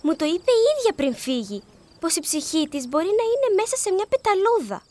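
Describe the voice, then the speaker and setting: A woman voicing a lively, chattering little girl in a storybook reading. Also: extremely high pitch, voice pushed up. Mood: scolding. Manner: bossy, chattering.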